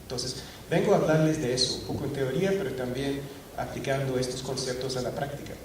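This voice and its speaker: Recorded from a distance in a large, heavily reverberant hall, a middle-aged man from Scotland presents a technical talk to a crowded audience. His mid-pitched voice stays steady and he speaks fast, though he keeps stalling and restarting with plenty of fillers. Low background hum sits under the speech.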